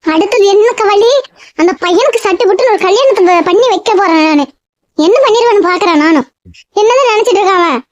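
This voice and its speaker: Very high voice, wailing distraught mother, played by a woman, dull dry lo-fi. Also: expressive, fast talker, dry recording. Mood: determined. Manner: wailing, pleading. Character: distraught mother, emotional and stubborn.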